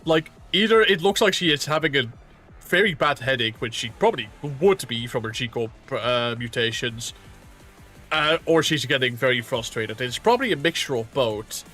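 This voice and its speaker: A man's voice: medium pitch, animated, normal speed, sharp tone, faint music behind. A man acting as game master who narrates a tabletop game in a casual, rambling way and swears lightly now and then.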